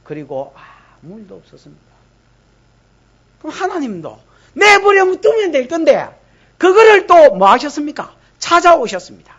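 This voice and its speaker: A woman pastor with a Gyeongsang accent preaching a lively, teasing sermon to her congregation during a church service. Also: high voice, moderate pace, muffled recording. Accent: Gyeongsang Korean. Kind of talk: expository sermon.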